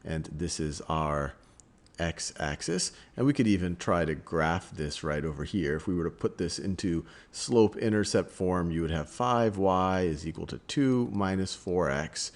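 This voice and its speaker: Man explaining math with lively pitch. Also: measured pace. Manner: conversational, thinks aloud with restarts and repeats. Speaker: math teacher. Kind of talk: explaining math at a virtual blackboard.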